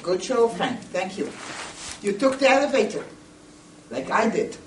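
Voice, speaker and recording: An older woman, a museum educator, gives a public lecture to a seated group, speaking deliberately and emphatically in a very animated mid-range voice, addressing listeners directly with rhetorical questions. A camera a few metres away picks her up in an echoey meeting room, with a roomy, distant sound and a little background noise.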